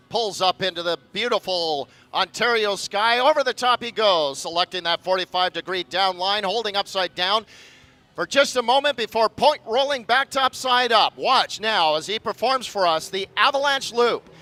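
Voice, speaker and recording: A man's voice: sits high, sharp tone. A man giving live airshow commentary in a showman's announcer manner, drawing out phrases for the crowd.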